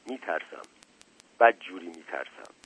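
A man's voice: low-pitched, lively intonation, vocal fry, fairly bright tone, slight background noise, full character voice, low-quality recording. A man voicing a frightened, shaken villager. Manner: fearful, pleading.

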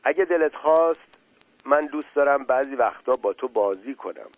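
A bashful young male sparrow from a storybook, soft and gentle, halting as he looks for the right words, as a man reads him. His voice sits at an ordinary middle pitch. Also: animated, no echo, phone-quality sound, natural voice. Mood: tender. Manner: tender, hesitant, searching for words. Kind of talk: storybook character voice.

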